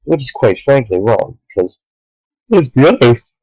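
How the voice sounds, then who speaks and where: A tired young man talking earnestly to the camera late at night, a small YouTuber speaking in halting sentences with sighs. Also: mid-range voice, big pitch swings, darkish tone, no echo, low-quality recording. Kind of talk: sincere direct-to-camera talk.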